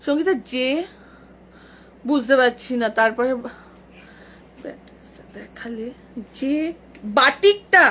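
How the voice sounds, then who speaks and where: A woman running a live clothing sale, briskly calling out prices over and over and chatting with helpers and viewers through an earbud mic. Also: high-pitched, animated, fairly bright tone. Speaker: boutique owner selling clothes live. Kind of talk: live sales patter.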